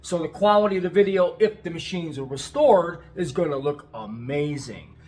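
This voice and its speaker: A middle-aged American man who restores video tapes and hosts a channel gives a casual, rambling vlog update. His voice is on the high side, animated and darkish, at normal speed, and he's enthusiastic and often repeats himself.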